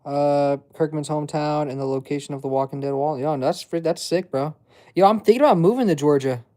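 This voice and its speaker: Slightly high, a little fast, and mellow, this voice belongs to a twentysomething livestream host chatting loosely with viewers. He reads the chat aloud and meanders through slang heavy with filler words.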